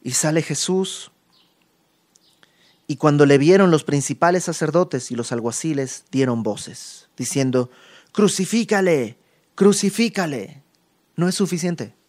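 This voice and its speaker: A man teaching a verse-by-verse Bible study, speaking emphatically and moving between raised and hushed passages, with conversational asides. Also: on the high side, unhurried. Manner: conversational asides and tag questions.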